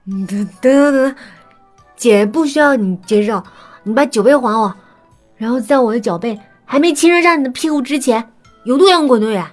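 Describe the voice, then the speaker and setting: A woman's voice: a little high, moderate pace, lightly acted. A woman voicing a brash, tipsy young woman who talks bluntly and stammers when flustered, in an audiobook scene. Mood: scolding. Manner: stammering, exclamatory. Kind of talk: audiobook character dialogue. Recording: soft background music.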